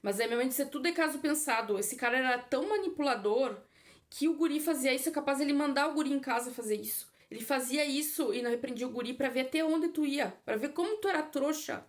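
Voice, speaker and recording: A woman's voice: high-pitched, fast. A woman giving a blunt, casual opinion monologue as a vlogger, often adding filler tags.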